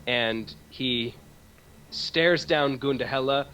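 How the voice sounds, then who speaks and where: Slow, bright-voiced man narrating a game. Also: mid-range voice, clean tone, low-quality recording. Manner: halting, descriptive, amused. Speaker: game master. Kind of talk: improvised tabletop game narration. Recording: faint background noise.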